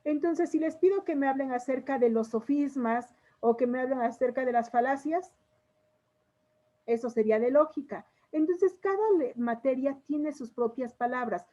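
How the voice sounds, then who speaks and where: A woman teacher with a Mexican Spanish accent explains her lesson to students over a video call, speaking straight to them. Her voice is high and mellow. The audio is muffled, as online class audio often is. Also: moderate pace. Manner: explanatory, addresses students directly.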